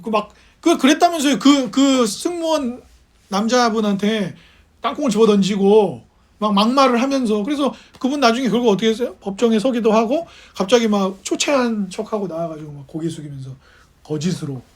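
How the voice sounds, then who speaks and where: A man's voice: high voice, lively intonation, a little fast. A man preaching a sermon as pastor, talking in a conversational way, asking the congregation questions and acting out quoted voices.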